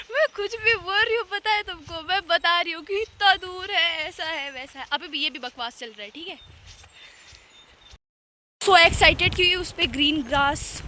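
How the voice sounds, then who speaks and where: Tired from the climb, a young woman vlogs while hiking a mountain trail beside a river, talking into a handheld phone in a chatty, self-mocking way. Her high-pitched voice is bright and forceful, with the river faintly audible behind her.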